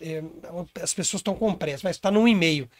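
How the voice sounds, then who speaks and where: A man's voice: sits high, fast talker, dry recording. A man talking as a sales consultant in a casual interview, emphatic and explaining with examples.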